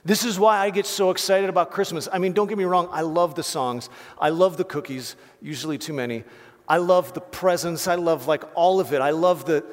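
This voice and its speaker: Pastor guy preaching, fired up and chatty, bit high voice, lots of hall echo. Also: fairly even intonation, a little fast. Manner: impassioned, conversational preaching with restarts and "like". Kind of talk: sermon. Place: church hall. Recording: reverberant hall.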